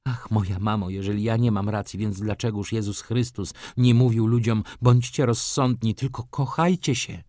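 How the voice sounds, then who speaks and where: A man's voice: lowish voice, fairly even intonation, moderate pace, hardly any pauses, mellow, dry recording, clean studio sound, lightly acted. A man voicing an impassioned young woman. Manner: impassioned, hard-toned. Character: young woman, gentle but defiant.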